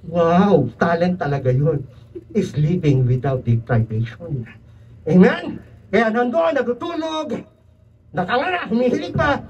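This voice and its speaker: A man preaching an animated sermon who keeps calling "Amen?" to the congregation and mixes in English phrases. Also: high voice, a little hiss or hum. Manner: mixes English into his talk. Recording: distant, dull church recording.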